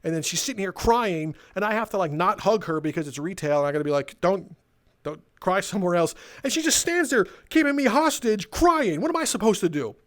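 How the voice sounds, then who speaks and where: A young man talks casually over a game, in a voice a bit higher than most men's. He rambles and sounds sardonic, swearing now and then as he tells his stories. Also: big pitch swings, fast, hardly any pauses, fairly bright tone. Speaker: gaming video creator. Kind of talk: casual storytelling while playing a game.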